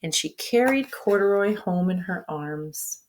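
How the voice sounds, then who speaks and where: Woman, teacher, picture book read-aloud, expressive, asks listeners questions. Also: on the low side, measured pace, slight background noise, rough recording.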